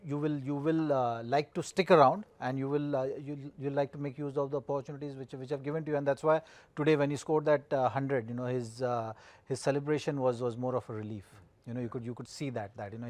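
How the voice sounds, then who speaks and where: A man analysing cricket as a pundit, circling his points haltingly with repeated phrases. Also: medium pitch, darkish tone, no echo. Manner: halting, repetitive phrasing with frequent "you know". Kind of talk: studio match analysis.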